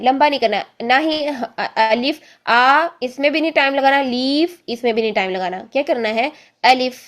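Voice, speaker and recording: Woman, Quran reading teacher, higher voice, patient, repeats points, long drawn-out letter sounds. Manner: patient, repeats each point with "theek hai"; draws out letter sounds as she demonstrates them. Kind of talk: step-by-step lesson.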